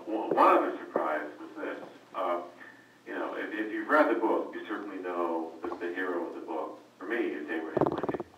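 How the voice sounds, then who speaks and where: Low-voiced man on an echoey distant call. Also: a bit bright. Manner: hesitant, often repeats words as he restarts. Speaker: author guest. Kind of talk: conversational storytelling on a conference call. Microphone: conference call line. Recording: echoey, distant, faint noise.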